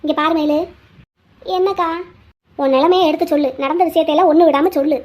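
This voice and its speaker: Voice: sits high, fairly even intonation, fairly quick, darkish tone, slight background noise, voice pushed down, lightly acted. A voice actor playing a stern older neighbour woman in a cartoon, who lectures and scolds. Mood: urging. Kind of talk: cartoon voice acting.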